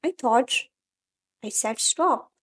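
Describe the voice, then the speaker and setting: A woman's voice: on the high side, lively intonation, slow pace, husky, exaggerated voice. A woman voicing a remorseful young man who stammers as he pleads with his girlfriend in a fan-fiction audio story. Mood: pleading. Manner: stammering, earnest, breaking voice.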